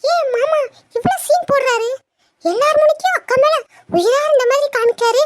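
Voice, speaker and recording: Woman playing a scheming younger sister, very high voice, sly asides, family skit. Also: moderate pace, very noisy. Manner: sly, plotting.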